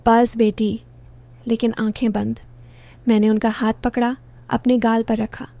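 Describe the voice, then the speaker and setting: A woman narrating a first-person story in short, clipped phrases, soft and intimate. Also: fairly high pitch, little pitch movement, normal speed, vocal fry, no room sound.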